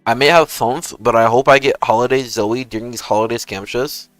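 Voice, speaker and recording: A man's voice: medium pitch, steady tone, a little fast, no room sound, faint music behind, poor audio. A young man chatting casually on a game livestream in hyped gamer-bro slang, swearing freely. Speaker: game streamer. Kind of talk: casual livestream chat and gaming commentary.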